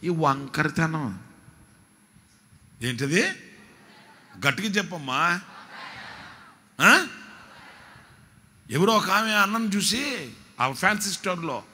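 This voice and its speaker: A man preaching at a whole-night prayer service, shouting to the congregation, then dropping low to tell joking stories. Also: lively intonation, takes it slowly, pauses often, a little hiss or hum. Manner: shouting, urging the crowd to clap and say amen; drops to a low, joking storytelling tone. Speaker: pastor.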